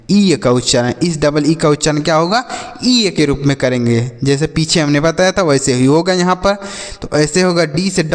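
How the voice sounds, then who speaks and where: A patient male teacher with a slightly raised voice gives a phonics lesson to children. He repeats each point and asks questions that he answers himself. The recording has a long, ringing reverb. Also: a little high. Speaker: English teacher.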